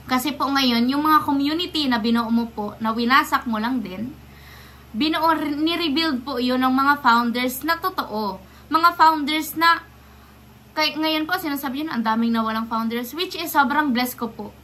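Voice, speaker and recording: A woman's voice: high-pitched, normal speed, bright, forceful tone. A young woman from the Philippines, vlogging straight to camera, firing off indignant rhetorical questions while staying polite and defiant. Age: young adult. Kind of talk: direct-to-camera rant.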